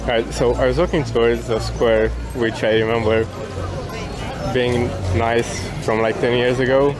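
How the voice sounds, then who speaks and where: A man's voice: medium pitch, fairly even intonation, measured pace, rough recording. A man from Romania, an IRL streamer, chatting casually with his viewers as he walks outdoors through a city. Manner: laid-back, thanking chat viewers by name. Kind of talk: casual live-stream chat while walking. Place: outdoors on a city square and promenade. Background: music playing nearby.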